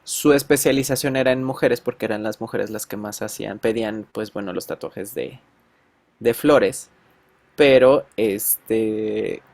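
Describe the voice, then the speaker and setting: A man's voice: on the low side, measured pace, gravelly, darkish tone, dry recording. A man with a Mexican accent, a teacher chatting casually with his students and telling slangy stories full of fillers.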